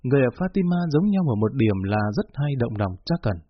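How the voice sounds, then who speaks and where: A man reading a novel aloud as an audiobook narrator, in measured, steady storytelling. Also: mid-range voice. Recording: muffled lo-fi with faint music.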